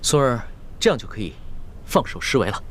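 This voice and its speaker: An actor playing a young emperor and deferential grandson in a Chinese costume drama, speaking formally, politely and with care. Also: male voice, medium pitch, sing-song, a little fast, slight background noise, close to an everyday voice. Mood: earnest. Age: young adult. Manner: formal, polite, careful phrasing.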